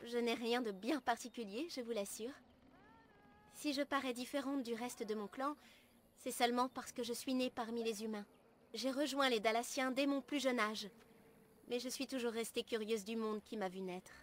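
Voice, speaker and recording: A woman playing an earnest, gentle young elf apprentice in a video game, speaking formally and in measured, literary phrases. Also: fairly high pitch, slight background noise, natural voice. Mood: apologetic, modest. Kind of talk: video game dialogue acting. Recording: music behind the voice.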